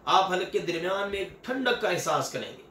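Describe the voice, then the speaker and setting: A man's voice: sits high, sing-song, brisk, pushed and bright, reverberant, recorded from a distance. An older man teaching Quranic recitation, patiently repeating and stretching each example sound. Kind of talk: recitation lesson with drawn-out examples.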